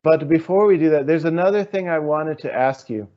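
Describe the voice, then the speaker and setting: A man's voice: on the high side, brisk, dull audio. Man host asking questions. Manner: searching, thinks aloud with fillers. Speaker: interview host. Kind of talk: interview questions.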